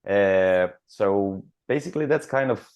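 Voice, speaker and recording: Croatian man in his thirties, low voice, halting radio interview answers. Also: expressive, a little mellow, clear, resonant tone. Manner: halting, many fillers and restarts, earnest. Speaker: futsal club captain.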